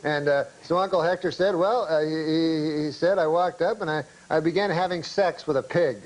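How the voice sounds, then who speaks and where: Halting deadpan storyteller man. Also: a little high, rough recording. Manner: halting, deadpan, full of restarts. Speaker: comedian guest. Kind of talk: rambling comic storytelling.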